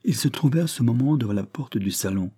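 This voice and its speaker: Un homme lit un roman en narration posée, d'un ton égal. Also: male voice, medium pitch, lively intonation, a little fast, warm tone, slightly rough, dry recording, clean studio sound. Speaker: audiobook narrator. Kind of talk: scripted narration of a Victorian novel.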